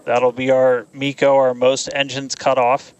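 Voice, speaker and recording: A man's voice: medium pitch, completely flat delivery, unhurried, darkish tone, clean tone, rough recording. A man giving live technical commentary on a launch, explaining it informally.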